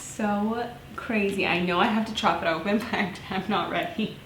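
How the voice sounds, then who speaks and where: A young woman vlogging her first try at cooking in a casual, excitable way, often squealing and swearing. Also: mid-range voice, moderate pace, echoey room, slight background noise. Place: home kitchen.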